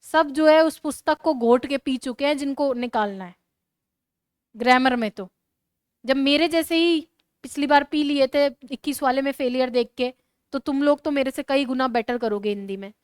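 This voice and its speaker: A woman teacher with a Rajasthani Hindi accent, giving a classroom lecture in a brisk, scolding way and urging students to write fast. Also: high-pitched, clean tone, no room sound.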